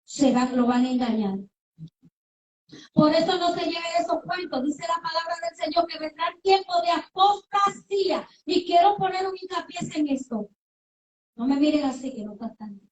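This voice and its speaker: Woman preacher, high voice, emphatic and questioning; distant mic in an echoey sanctuary. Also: moderate pace, a little hiss or hum. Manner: emphatic, with rhetorical questions and acted-out dialogue. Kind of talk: sermon. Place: church sanctuary. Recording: echoey room, voice from far off the mic.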